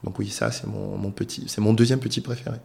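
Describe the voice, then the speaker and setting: A man talks through his businesses in an interview, pausing and restarting as he explains. His voice sits low and has a gravelly edge. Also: level tone, warm tone. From Côte d'Ivoire. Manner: measured, explanatory, many hesitations. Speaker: entrepreneur guest. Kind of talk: casual interview talk.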